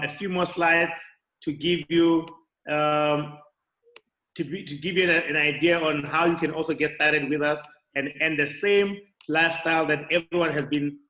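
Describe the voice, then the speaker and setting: A man from South Africa speaking on a video call, giving a motivational sales presentation in a halting way, full of fillers and restarts. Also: on the high side, pushed and bright. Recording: echoey room audio.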